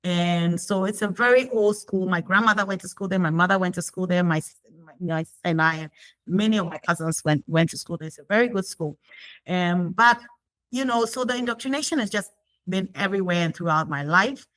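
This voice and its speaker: A woman's voice: lowish voice, fairly quick, a bit bright, dry recording, poor audio. A woman from Ghana being interviewed, talking reflectively with frequent fillers and restarts. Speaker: guest. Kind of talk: conversational interview.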